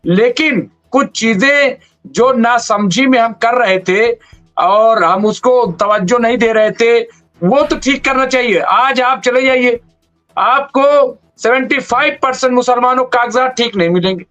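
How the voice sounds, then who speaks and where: A man's voice: extremely high pitch, a little slow, a bit bright, soft background music. A man in a heated political discussion, explaining his view earnestly and persistently. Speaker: debate panelist.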